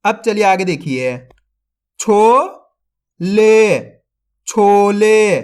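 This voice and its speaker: A man teaching Hindi reading, sounding out syllables slowly and saying each joined word louder, then explaining more quickly to his viewers. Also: high-pitched, animated, clean tone. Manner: slow drawn-out syllables, louder when joining a word; speaks quicker and softer when explaining. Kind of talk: online reading lesson.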